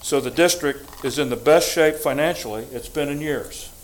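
An older man from the United States giving a prepared, formal statement to a school board, deliberate and emphatic. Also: a little high, slight background noise, low-quality recording. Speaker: public commenter at school board meeting.

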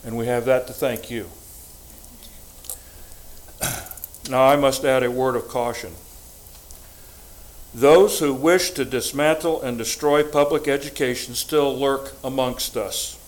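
An older man from the United States giving a prepared, formal statement to a school board, deliberate and emphatic. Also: mid-range voice, fairly even intonation, rough recording. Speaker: public commenter at school board meeting.

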